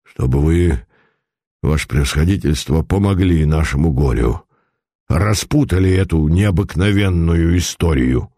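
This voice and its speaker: A man voicing an old millionaire merchant who talks in a low grumble. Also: unhurried, mellow, no room sound, clean studio sound. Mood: pleading. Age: older.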